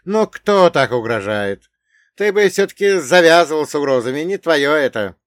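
A man voicing a feisty, foul-mouthed male dwarf who yells brash insults. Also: animated, normal speed, dry recording, clean studio sound, lightly acted. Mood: mocking. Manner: yelling insults, shrill and brash.

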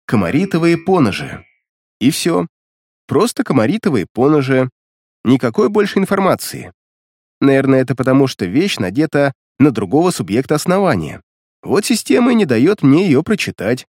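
A man's voice: mid-range voice, big pitch swings, normal speed, darkish tone, no echo, clean studio sound. A man narrating a first-person action story with vivid, dramatic storytelling. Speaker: audiobook narrator.

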